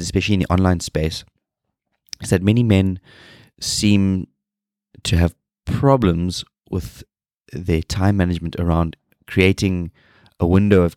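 On his solo podcast, a very deep-voiced man who has a cold sounds nasal and stuffed up. His delivery is flat and tired, full of rambling and restarted sentences. The audio is close and dry, with no room sound at all.

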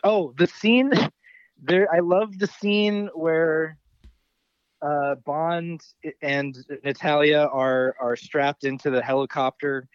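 A man in a casual podcast chat, easygoing and agreeable as he recounts scenes. His voice sits slightly high. The audio is dry and muffled, with lo-fi sound. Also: takes it slowly, smooth, no echo. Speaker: podcast co-host. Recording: dull lo-fi audio.

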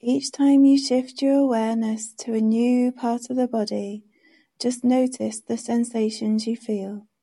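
A woman leading a guided meditation with gentle, soothing, unhurried instructions. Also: fairly high pitch, fairly even intonation.

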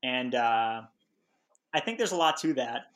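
A man's voice: mid-range voice, animated, a little slow, fairly bright tone, rough recording. A man co-hosting a book podcast, talking in a thoughtful, reflective way. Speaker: podcast co-host. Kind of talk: casual book discussion.

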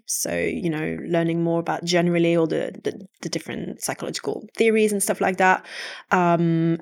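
Low-pitched woman. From Quebec, Canada. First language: French. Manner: thoughtful, measured storytelling with frequent hesitations. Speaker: psychology lecturer and podcast co-host. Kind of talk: podcast conversation.

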